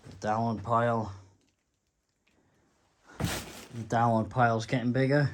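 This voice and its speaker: A man's voice: medium pitch, fairly even intonation, takes it slowly, noisy background. A man vlogging with a phone, talking in a rambling, tipsy way and swearing now and then. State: drunk. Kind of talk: casual vlog narration. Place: bus, street and home.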